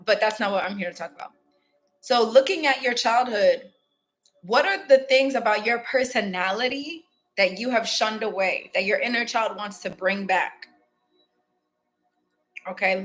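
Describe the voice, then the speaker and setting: In a mid-range, slightly bright voice, a woman from Ghana chats with her viewers in a relaxed motivational self-help talk. She's a spiritual self-help host, and her manner is candid and reflective.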